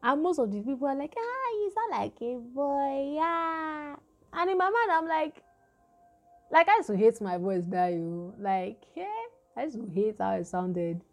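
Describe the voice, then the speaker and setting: A young woman with a Nigerian accent and a naturally deep voice tells a story in casual conversation at a measured pace. She narrates with animation, voicing the lines of the people involved as quoted dialogue.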